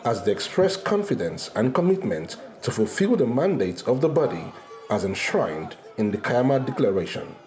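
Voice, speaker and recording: Lively Nigerian male news reporter. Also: medium pitch, normal speed. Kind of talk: scripted report narration.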